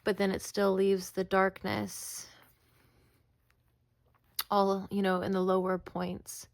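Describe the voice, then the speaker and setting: A woman's voice: mid-range voice, completely flat delivery, takes it slowly, vocal fry, no echo. A woman chatting casually about her craft work, rambling and humble, with many ums and restarts. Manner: humble, apologetic. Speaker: craft video maker. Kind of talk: casual chat while crafting.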